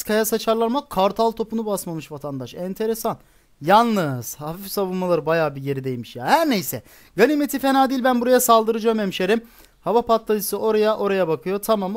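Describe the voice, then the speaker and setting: A man giving chatty commentary on his own strategy game attack, now and then bursting out in exasperation. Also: high-pitched. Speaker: gaming YouTuber.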